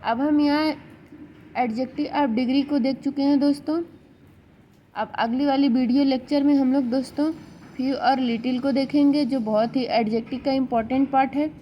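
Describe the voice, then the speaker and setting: A woman teaching grammar in an exam-prep video lecture, speaking slowly, sounding out syllables one by one and restarting words as she corrects herself. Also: sits high, steady tone, muffled recording, slight background noise. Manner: slow, explanatory, repeats words while correcting herself.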